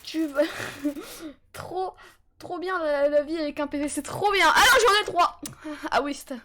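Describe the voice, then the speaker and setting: A woman streaming a game live on a headset, chatting with viewers in a joking, excitable way with sudden yelps. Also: high-pitched, a little slow. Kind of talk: casual live-stream chat while gaming.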